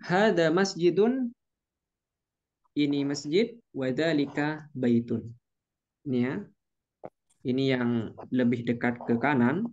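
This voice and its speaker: A man's voice: medium pitch, fairly even intonation, a little mellow, lo-fi sound. Patient male Arabic teacher on a call. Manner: patient, stretches out Arabic phrases slowly. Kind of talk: online class teaching.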